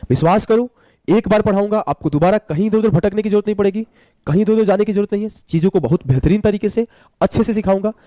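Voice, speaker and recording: Sick-ish guy teaching maths online, slow, mellow voice, dry room. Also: high voice, no echo. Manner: repeats key terms, asks and answers his own questions. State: unwell, speaking slowly. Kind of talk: live online exam-prep class.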